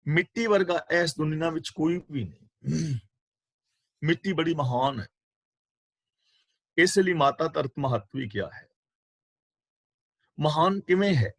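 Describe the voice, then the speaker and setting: A man's voice: fairly high pitch, dry recording. Man teaching scripture in a dry, close voice. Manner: measured, patient explaining, repeating key words. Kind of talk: scripture exposition class. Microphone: video call microphone.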